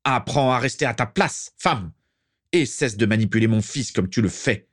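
A man's voice: mid-range voice, expressive, moderate pace, voice pushed up, lightly acted. A man reading aloud and voicing a harsh, contemptuous old patriarch who leans on a cane. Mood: furious. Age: older.

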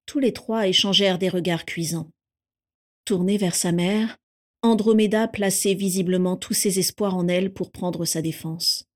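A woman reading a fan fiction story aloud in a steady, calm narrating voice. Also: on the low side, moderate pace.

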